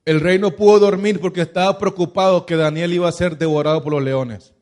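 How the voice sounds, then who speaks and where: Pastor, male, high voice, sermon delivery built on rhetorical questions. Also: steady tone, brisk, darkish tone. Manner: preaching with many rhetorical questions.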